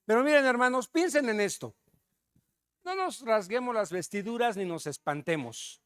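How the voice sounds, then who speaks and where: A man with a Mexican accent preaching a sermon, telling a story with loud emphasis and hushed asides. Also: very high voice, animated, moderate pace, smooth.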